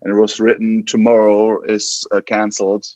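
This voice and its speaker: Speaking with a German accent, a West German guitarist chats casually as a podcast interview guest, frequently restarting and repeating himself. He talks at a moderate pace in a low-ish, monotone, slightly mellow voice, recorded with no echo.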